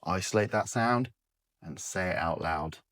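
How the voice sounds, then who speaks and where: A man leads a guided therapy exercise in an unhurried, patient way, leaving room after each prompt. His voice sits fairly low. The recording is close and dry, with no room sound. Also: fairly bright tone, no room sound. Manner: slow, patient, encouraging, with pauses. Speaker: speech therapist.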